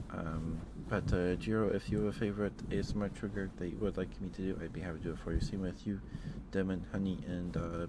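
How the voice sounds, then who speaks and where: On an ASMR livestream, a man with a low voice chats casually close to the microphone, rambling hesitantly and repeating phrases. There is noise in the background.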